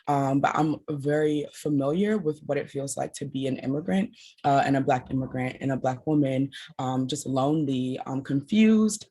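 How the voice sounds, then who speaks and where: A woman's voice: rumbling low, dark tone, breathy edge. A woman from Trinidad and Tobago, raised in Washington DC, introducing herself as an organizer on an online panel in an earnest way. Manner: earnest, runs through long lists. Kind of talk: panel introduction over video call. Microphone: video call.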